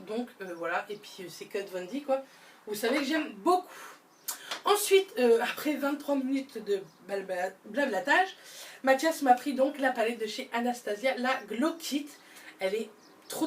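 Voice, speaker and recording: A woman's voice: fairly high pitch, distant mic. Chatty young woman, a bit off-mic. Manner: chatty and enthusiastic, fond of repeating words. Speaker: beauty vlogger. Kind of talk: casual haul vlog chat. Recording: voice a bit away from the mic, faint background noise.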